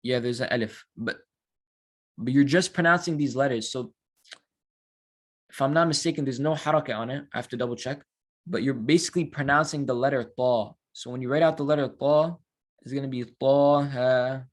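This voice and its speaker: A man teaching Quran recitation in a relaxed class, talking casually and stretching out syllables to show how they are chanted. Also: medium pitch. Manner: explains slowly, models drawn-out recited syllables.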